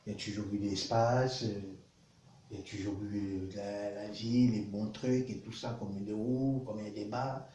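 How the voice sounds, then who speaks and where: A man in his thirties speaks in a low, mellow voice that stays level, earnest and halting, often repeating words. The recording sounds roomy, with a soft hum of background noise. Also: fairly even intonation. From Cameroon. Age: 30s. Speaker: vlogger sharing his testimony. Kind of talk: prayer and personal testimony.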